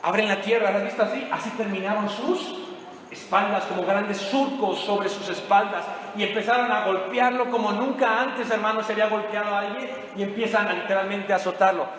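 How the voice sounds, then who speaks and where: A man's voice: sits high, fairly even intonation, a little fast, a bit bright. A man preaching a sermon to a congregation, retelling a story dramatically and putting questions to his listeners. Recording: very echoey hall with long reverb.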